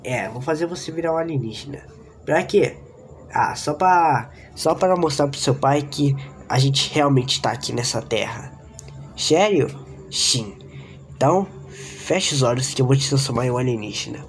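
A man voicing a friendly male alien who talks slowly in a low, calm, sly way. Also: a little hiss or hum, natural voice. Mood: coaxing.

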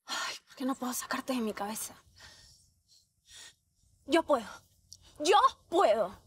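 A woman's voice: high voice, lively intonation, takes it slowly, husky, dry recording, exaggerated voice. An actress playing an earnest, lovelorn young woman in a TV drama. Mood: anguished resolve. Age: 20s. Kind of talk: TV drama acting.

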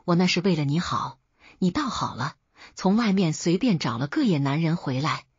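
A woman voicing a stern, angry old father who scolds gruffly, as read aloud in a story. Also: sits low, animated, normal speed, dry recording, lo-fi sound, heavily acted.

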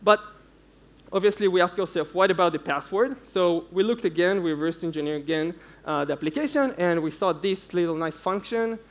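A young adult man with a high-pitched, fairly quick voice gives a technical presentation on an indoor conference stage. A security researcher, he explains things informally, one step at a time.

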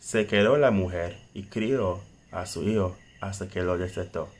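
Slow, low-voiced young man preaching in Spanish. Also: a little hiss or hum. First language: not Spanish, speaks it as a second language. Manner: halting, non-native phrasing with grammar slips. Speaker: lay preacher. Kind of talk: sermon, reading scripture and explaining it. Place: small indoor room. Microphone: phone at arm's length.

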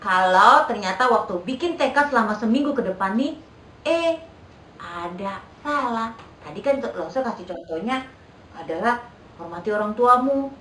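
Woman teacher for young kids, patient and coaxing, bright tone a bit high, echoey room, mic some way off. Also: expressive, moderate pace, recorded from a distance, slight background noise. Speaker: Sunday school teacher. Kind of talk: children's lesson over video.

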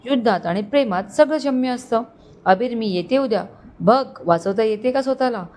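A woman's voice: fairly high pitch, moderate pace, darkish tone, natural voice. A woman narrator voicing a vengeful, scheming young woman who speaks in a bitter, spiteful way.

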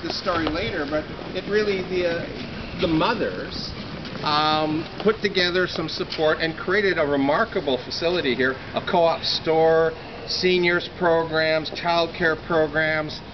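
A middle-aged former resident tells a group about his past on an outdoor walking tour, speaking casually in a rainy housing courtyard. His fairly high voice is reflective and halting, full of fillers. A smartphone camera a short distance away captures dull audio with outdoor noise.

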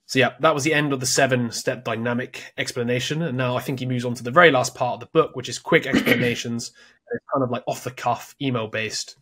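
A man's voice: medium pitch, fairly even intonation, fast, a bit bright, slightly rough. A man co-hosting a casual book-summary chat, thinking aloud with many restarts. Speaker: podcast co-host.

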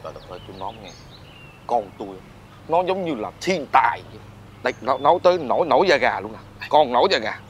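An actor with a Southern Vietnamese accent playing a boastful, chatty old man in a nursing home in a comedy sketch, excitable and bragging. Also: medium pitch, fast talker, lo-fi sound, slight background noise, natural voice. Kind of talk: stage comedy acting.

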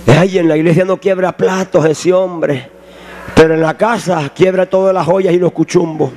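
A man's voice: sits high, steady tone, normal speed, a little mellow, a little hiss or hum, voice pushed down, lightly acted. A preacher doing the voice of a sly male devil who mocks churchgoers with gossiping, sneering asides.

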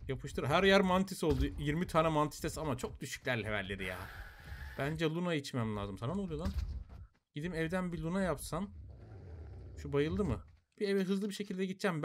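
A young man giving casual commentary while playing a survival game, talking to his tamed creatures and breaking into high, excited yelps. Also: a little hiss or hum. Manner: excitable, talks to the animals, bursts into high yelps. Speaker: gameplay commentator. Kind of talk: live gameplay commentary.

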